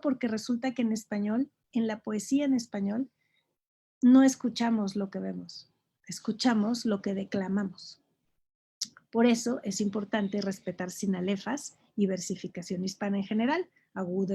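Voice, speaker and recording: A woman teaching an online haiku workshop in Mexican Spanish, explaining patiently, repeating examples slowly and checking in with "ok?". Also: a little high, warm tone, husky. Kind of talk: online poetry lesson.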